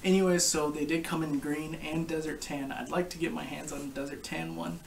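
A young man giving a casual, informal product review to camera, explaining things in a halting way. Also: a little high, fairly even intonation, gravelly. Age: young adult. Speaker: gas mask collector and reviewer. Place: living room couch, indoors. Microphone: camera a short distance away. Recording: distant camera mic with background noise.

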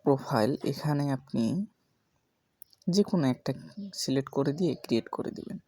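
A man hosting a screen-recorded tech tutorial, walking viewers through each step slowly with many fillers. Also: mid-range voice, expressive, a little mellow. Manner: slow step-by-step instructions with fillers. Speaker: tutorial host.

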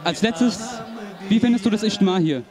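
A young man with a high voice reports formally from a big indoor sports hall through a handheld mic. Crowd chatter carries behind him throughout. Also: fairly quick. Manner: formal, announcer-like, with religious greetings. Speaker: event reporter. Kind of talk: scripted event report and interviews.

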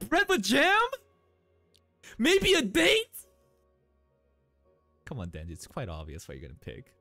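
A young man hosting an anime reaction video, talking casually with slang and swinging between loud outbursts and low muttered asides into a studio mic. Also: huge pitch swings, unhurried, gravelly, faint music behind. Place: small bright indoor room. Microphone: large studio mic on a boom arm.

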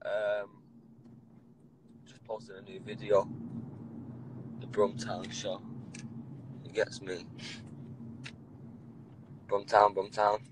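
A man's voice: on the low side, completely flat delivery, very slow, long pauses, noisy background. A young man hosting a live stream from his phone inside a car, chatting loosely with slangy jokes. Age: young adult. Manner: loose, joking slang banter. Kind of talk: casual live-stream chat. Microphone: phone at arm's length.

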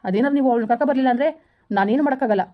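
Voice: medium pitch, racing, natural voice. A performer doing a bullying gang boss husband. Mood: scolding. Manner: scolding, impatient, threatening. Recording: muffled lo-fi recording.

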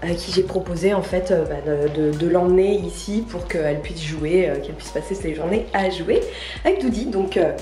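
A woman's voice: lowish voice, normal speed, warm tone. A woman in her thirties chatting casually to camera in a home vlog, laughing at her own flubbed intros and walking through a recipe. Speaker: vlogger. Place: small home kitchen and living room, indoors. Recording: roomy echo with light music behind.

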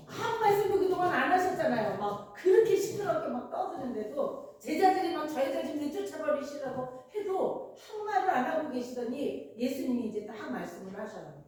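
A woman pastor preaching a sermon, telling the story in an expressive way and acting out the people in it. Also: sits high, normal speed. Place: church sanctuary. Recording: roomy church hall, mic held at a distance.

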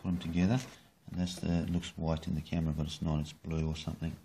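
Australian man, very deep voice, rambling, swears a lot, playful, kitchen, faint room noise. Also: flat delivery, fast, warm tone. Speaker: hobbyist rod builder. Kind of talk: casual how-to video. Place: home kitchen.

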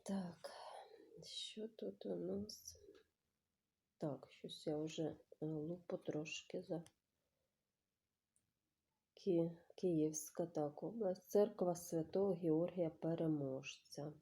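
Slow, dark-voiced woman musing over cards. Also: low-pitched, steady tone. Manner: slow, musing, often drops to a whisper while reading cards. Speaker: tarot channel host. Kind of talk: casual card deck review.

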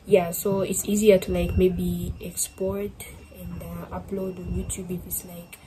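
Her lowish voice barely moves in pitch as she chats unhurriedly, background noise audible throughout. She's a young Zambian woman filming a casual bedroom vlog, wandering from point to point with lots of "like."

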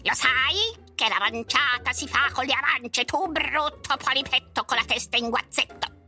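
A woman voicing a shrill, furious tiny king. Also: expressive, unhurried, soft background music, full character voice. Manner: shrill, shouting, insulting. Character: tiny pompous tantrum-throwing king, man. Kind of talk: storybook read-aloud.

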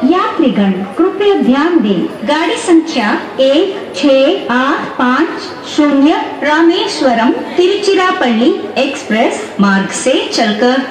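High-pitched woman announcing over a station loudspeaker. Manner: slow, measured, evenly spaced announcing. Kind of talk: public train announcement. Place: railway station platform. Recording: echoey station public address.

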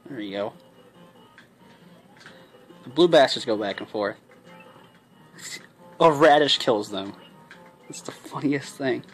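A woman's voice: extremely low pitch, lively intonation, takes it slowly, long pauses, husky, low-quality recording. A woman bantering casually over a video game, exclamatory and prone to swearing. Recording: game music in the background.

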